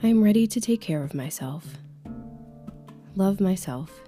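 A woman leading a guided meditation with affirmations in a calm, soothing, unhurried, breathy voice that is close to a whisper, right in the listener's ear. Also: medium pitch, soft background music.

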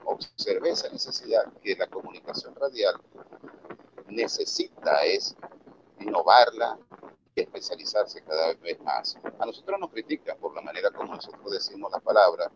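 A man's voice: low voice, expressive, moderate pace. A man from Venezuela, a radio announcer and producer, giving earnest, instructive answers in a remote interview, with a Valera accent. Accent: Venezuelan Andean, Valera. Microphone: video call. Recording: dull lo-fi video call audio with faint noise.

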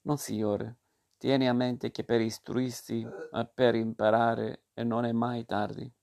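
A man's voice: medium pitch, little pitch movement, unhurried, gravelly, darkish tone. A man reading aloud and voicing a kind but stern fairy who patiently lectures a puppet boy. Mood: admonishing. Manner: admonishing, patient.

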